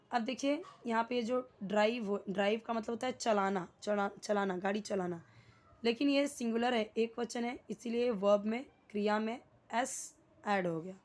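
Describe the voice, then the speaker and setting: A young woman with an Indian English accent and a higher voice teaches English grammar, explaining slowly, questioning the class and repeating key words.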